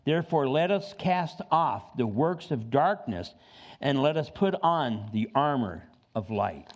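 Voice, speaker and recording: A pastor in his seventies preaches an animated sermon, his voice at an ordinary middle pitch that climbs sharply when he presses a point. He drops in joking asides between scripture readings. The church recording sounds dull and lo-fi. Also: unhurried. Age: 70s.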